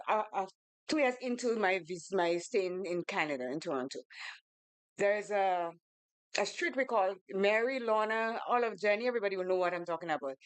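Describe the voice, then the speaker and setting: Grenadian woman radio co-host, animated storyteller, dry close sound. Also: lowish voice, dry recording. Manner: animated storyteller, acts out quoted voices. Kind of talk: casual radio talk with storytelling. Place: radio studio.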